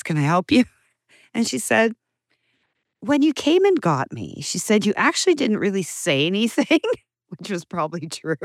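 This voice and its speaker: A woman guest on a podcast telling stories in a relaxed way, laughing often and acting out the people she quotes. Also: lowish voice, dry recording. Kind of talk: conversational storytelling.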